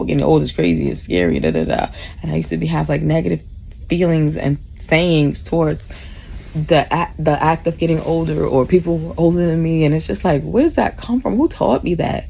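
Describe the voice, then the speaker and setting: Her low-pitched, dark voice carries vocal fry as this 39-year-old vlogger, nearly forty, rambles drunkenly to camera from a cruise ship cabin. She's effusive and heartfelt, swears freely, and keeps losing her thread; faint background noise is audible.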